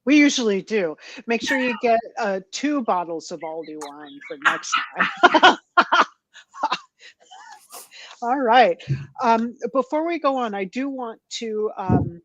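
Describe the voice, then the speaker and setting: A woman in her fifties co-hosting a podcast in casual chat, chatty, laughing often and filling pauses with ums. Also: a little high, animated, fairly bright tone. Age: 50s. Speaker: podcast co-host.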